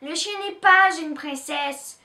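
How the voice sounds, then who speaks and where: A sulky, quick-tempered little princess girl, read by a woman from a storybook. The voice is high and bright. It is recorded in an echoey room from a distance. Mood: raging. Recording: roomy echo, distant mic.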